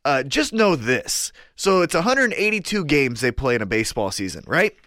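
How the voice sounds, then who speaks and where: A man from Kansas City co-hosting a casual podcast in a hoarse voice that is nearly gone, talking emphatically, repeating himself and swearing freely. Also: a little high, big pitch swings, moderate pace, pushed and bright, dry recording. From Kansas City, United States. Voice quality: hoarse, strained voice close to giving out. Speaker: podcast co-host.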